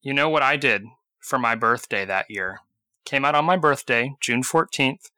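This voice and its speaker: A man's voice: medium pitch, normal speed, pushed and bright, no echo. A man in his thirties, co-hosting a podcast in casual chat, wry and joking as he tells stories. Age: 30s. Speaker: podcast co-host.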